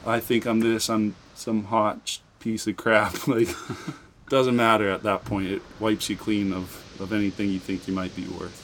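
A man's voice: mid-range voice, a little hiss or hum. Laid-back young surfer man. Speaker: guest. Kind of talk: casual storytelling in an interview.

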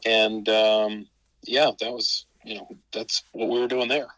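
Low-voiced hesitant man in his fifties. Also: flat delivery, a little slow, a bit bright, no echo, low-quality recording. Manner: hesitant, many fillers and restarts. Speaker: podcast guest. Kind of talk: casual interview.

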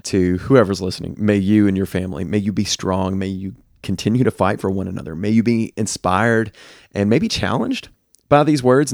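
A man's voice: fairly low pitch, no echo, studio quality. A man with a Southern US accent, co-hosting a podcast in a candid, easygoing way. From United States. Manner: candid, easygoing, with frequent restarts. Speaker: podcast co-host. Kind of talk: casual podcast chat.

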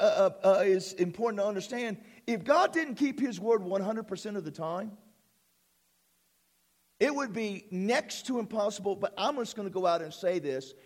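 Preacher guy, high voice jumping all over, echoing church hall, keeps asking the crowd to answer back. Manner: exclamatory, punctuated with hallelujahs; asks the congregation to respond. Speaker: pastor. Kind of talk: sermon.

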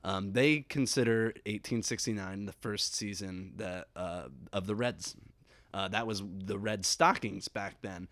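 Guy from cincinnati on a podcast, kinda forceful voice, dry sound, chuckles a lot. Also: on the low side, measured pace, no room sound. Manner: chatty storyteller, laughs often. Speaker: podcast guest. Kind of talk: casual chat.

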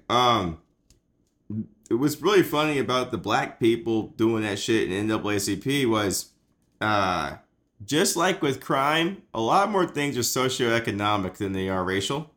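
A man's voice: mid-range voice, lively intonation, a little slow, fairly bright tone. A drunk Southern man hosting a podcast, rambling, profane and self-mocking. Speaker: podcast host. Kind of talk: comedic casual chat.

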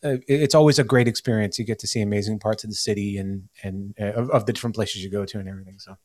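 A man's voice: fairly low pitch, fairly even intonation, fast talker, darkish tone. Rambling American man hosting a podcast. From United States. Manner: rambling, many "like" fillers and restarts. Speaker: podcast host. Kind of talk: casual chat.

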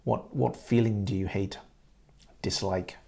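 Slow, gravelly English male teacher. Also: lowish voice, steady tone, dark tone. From Great Britain. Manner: repeats words and phrases slowly and clearly for learners. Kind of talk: conversation-practice lesson, asking and answering questions.

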